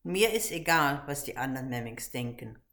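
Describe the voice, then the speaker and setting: A big, bearded woodcarver speaks gently and reassuringly, as a woman reads him aloud. He sounds kind and patient. This is a storybook reading. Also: a bass voice, expressive, moderate pace, exaggerated voice.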